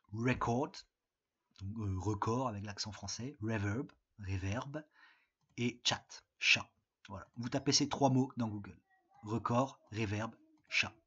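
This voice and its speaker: A man from France gives a recorded English lesson, explaining each step slowly and patiently with plenty of hesitations. His voice is husky and sits at an ordinary middle pitch. The sound is dull and lo-fi, as if from a computer mic. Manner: patient, step-by-step instructions with many fillers. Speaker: English teacher. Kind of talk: recorded remote lesson with screen walkthrough.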